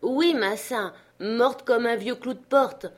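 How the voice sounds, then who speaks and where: A high, loud voice for a jumpy old male servant up a tree, exclaiming and pleading by turns, as a woman reading a storybook puts him on. He sounds chatty and easily frightened. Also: takes it slowly.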